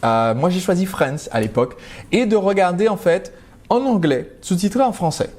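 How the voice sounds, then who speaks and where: Chatty French man, mellow voice. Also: sits high, expressive, normal speed. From France. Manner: chatty and direct, frequent hesitations and restarts. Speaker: entrepreneur hosting a live stream. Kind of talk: casual live-stream talk.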